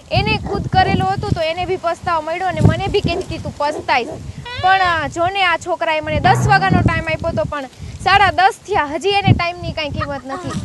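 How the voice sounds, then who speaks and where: A woman's voice: very high voice, very noisy. A woman playing a wary young woman on a date. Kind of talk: Gujarati comedy sketch acting.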